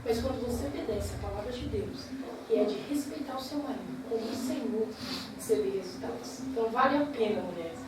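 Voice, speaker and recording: A woman's voice: on the high side, a little fast. A woman preaching to a congregation, earnestly urging her listeners. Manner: earnest, exhorting. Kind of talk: sermon to a congregation. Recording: echoey hall, distant mic, noisy.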